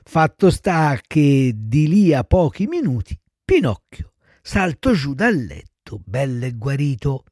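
A man narrating a classic children's tale in an expressive storytelling manner. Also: mid-range voice, slow pace, no room sound, clean studio sound. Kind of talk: storybook reading.

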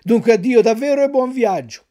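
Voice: mid-range voice, sing-song, measured pace, darkish tone, pitched above the performer's own voice. A storyteller voicing Pinocchio, a puppet boy torn by temptation, speaking in a wistful, hesitant, wondering way.

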